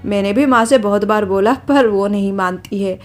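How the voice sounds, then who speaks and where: A woman's voice: mid-range voice, normal speed, soft background music, natural voice. A woman voicing a friendly young husband in a cartoon story, talking upbeat. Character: cheerful young husband and son.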